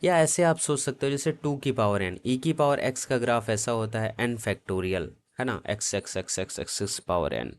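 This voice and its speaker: A man's voice: mid-range voice, a little slow, hardly any pauses, a little hiss or hum. A man teaching an exam-prep math lesson, working through problems step by step and often checking that his students follow, in a casual, familiar tone. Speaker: math tutor.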